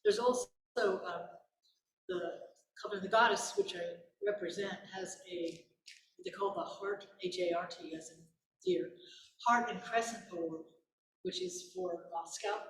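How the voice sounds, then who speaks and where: An older woman speaks as a guest at a community Q&A, her pitch sitting in an ordinary middle range. She talks in a loose, rambling way, starting over and correcting herself mid-sentence. The voice comes from well off the mic in a big, empty, reverberant room. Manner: rambling, with many restarts and self-corrections. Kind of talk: casual Q&A talk. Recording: echoey room, voice far from the mic.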